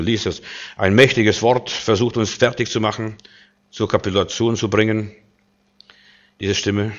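A man with a fairly low voice preaches an emphatic sermon, heavy with rhetorical questions and swinging between loud declarations and quiet asides. The audio sounds dull.

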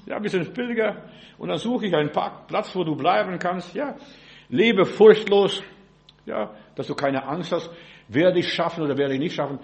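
A man's voice: high voice, expressive, brisk, gravelly. A man preaching a sermon in an informal, direct way. He speaks to listeners as "du", says "ja" often and keeps asking if they understand.

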